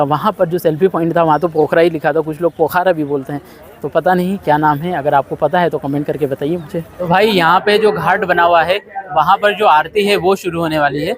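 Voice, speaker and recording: A man from India, a travel vlogger and yoga teacher, chatting casually outdoors by a lake with many fillers. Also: high-pitched. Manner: chatty, rambling, frequent fillers. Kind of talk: casual travel vlog narration. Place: outdoors by a lakeside ghat.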